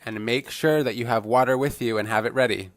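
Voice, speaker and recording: A man's voice: medium pitch, fairly even intonation, a little fast. A man voicing a fitness trainer's signing as a live interpretation, giving upbeat coaching and calling out workout instructions.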